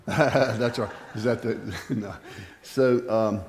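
A man's voice: medium pitch, steady tone, slow pace, darkish tone. An older man hosting a faith interview, prompting his guest and affirming with short replies. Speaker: interview host. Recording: long hall reverb.

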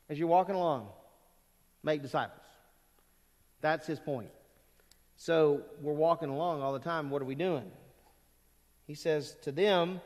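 A man's voice: a little high, a little mellow, big-room sound. A man pastor preaching a sermon in a conversational way, voicing his listeners' objections and answering them. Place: church sanctuary.

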